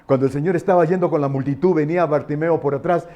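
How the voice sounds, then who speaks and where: Mellow-voiced male pastor preaching. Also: on the high side, fairly even intonation, fast talker, muffled recording. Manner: repetitive and emphatic, with fillers and tag questions. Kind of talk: sermon with a personal testimony.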